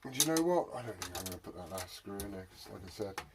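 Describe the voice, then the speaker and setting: A British hobbyist presents a repair video, talking fast in a fairly low, expressive voice as he rambles and jokes with viewers. He swears often and mutters to himself, and the home recording is noisy with clicks.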